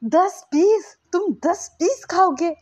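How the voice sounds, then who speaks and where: A woman's voice: very high voice, lively intonation, slow pace, darkish tone, voice pushed up, heavily acted. Woman doing a patient, coaxing young man. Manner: coaxing, placating. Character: patient young man soothing a sulky partner.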